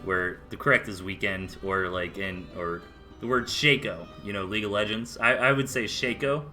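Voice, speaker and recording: A man's voice: lowish voice, moderate pace, sharp tone, soft background music. A man with a Southern US accent casting a strategy game match live, chatty play-by-play with casual asides. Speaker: esports caster.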